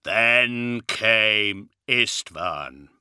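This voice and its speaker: Man doing armoured warlord, deep rumbling voice, very low, forceful, slow and grave, dry audiobook recording. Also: lively intonation, clean tone, no room sound, full character voice.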